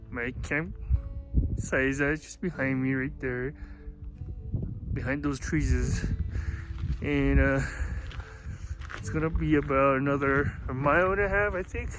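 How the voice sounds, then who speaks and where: A man talks casually to his vlog while out backpacking. His delivery is slow and halting, as if thinking aloud, at an average pitch. Music plays clearly behind him. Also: rough recording. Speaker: solo backpacker filming a vlog. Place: outdoors in the mountains.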